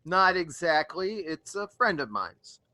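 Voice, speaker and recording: A man playing a tabletop game, wry and quick to argue in character. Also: sits high, very animated, pushed and bright. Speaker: player.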